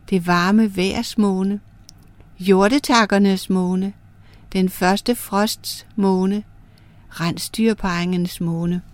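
A woman's voice: mid-range voice, darkish tone, no echo, close to an everyday voice. A woman voicing the moon as a weak, pleading male spirit who solemnly promises his service, in a told folk tale. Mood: slow chant.

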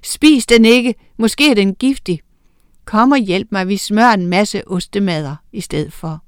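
A woman's voice: medium pitch, smooth, no room sound, studio quality, close to an everyday voice. A woman voicing a worried mother in a children's story, speaking urgently. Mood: alarmed. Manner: alarmed, urgent. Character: upset mother whose cooking went wrong.

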